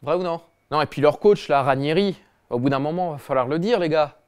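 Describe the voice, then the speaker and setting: A man's voice: on the high side, brisk, over music. Cocky slangy man doing a comedy rant. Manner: cocky, slangy banter, swears a lot. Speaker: host. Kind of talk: satirical football comedy monologue.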